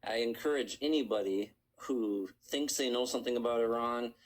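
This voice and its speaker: A man calling in to a live stream, talking in a rambling, halting way with many restarts. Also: medium pitch, fairly even intonation, rough recording. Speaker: caller. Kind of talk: casual call-in chat.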